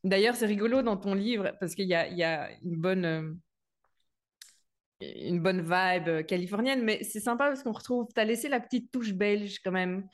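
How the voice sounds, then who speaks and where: A woman podcast host, asking questions in a casual, enthusiastic way. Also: mid-range voice. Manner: warm enthusiastic interviewer, quick agreement. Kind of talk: casual interview conversation.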